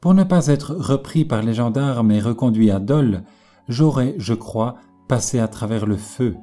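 A male audiobook narrator reads a classic novel in a measured, literary manner. His delivery is slow and unhurried. His tone is dark and mellow. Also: mid-range voice, soft background music.

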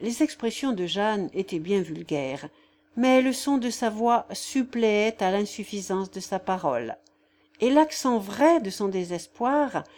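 A woman narrating a classic novel in a measured literary reading style. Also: medium pitch, a little mellow.

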